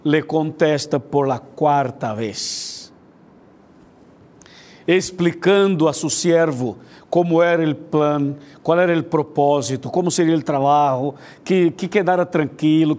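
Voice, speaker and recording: A man with a slightly high, slightly slow and somewhat mellow voice preaches a sermon, retelling a Bible story. He is repetitive and keeps checking in with listeners through questions like "ok?" and "viste?".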